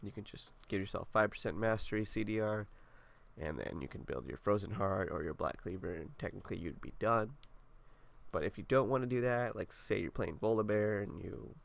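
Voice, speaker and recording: A young gaming video creator with a congested, nasal voice gives casual walkthrough commentary on his game setup, laid-back and rambling with lots of fillers. He speaks fairly quickly in a lowish voice with vocal fry.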